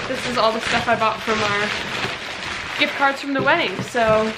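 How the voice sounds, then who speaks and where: A chatty young woman talks into a handheld camera, walking through her house. Her voice sits a little high for a woman. She is upbeat and casual and keeps slipping in "like" and "um". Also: measured pace, heavy background noise. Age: young adult. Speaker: vlogger. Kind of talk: casual home vlog chat. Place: living room, then walking through a house, indoors. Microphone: on-camera mic, camera handheld at arm's length.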